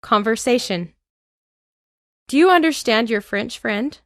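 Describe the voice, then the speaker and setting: Slow, clear woman teaching English. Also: on the high side, lively intonation, a bit bright, no echo, clean studio sound. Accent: American. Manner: clear, deliberate drill reading. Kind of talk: slow scripted lesson reading.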